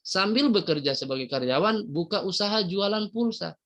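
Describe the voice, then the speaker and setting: A middle-aged man from Medan, North Sumatra, Indonesia, delivers a motivational business presentation, speaking straight to the audience with rhetorical questions and emphatic rising bursts. His high, fairly bright voice has lively intonation at a normal speed.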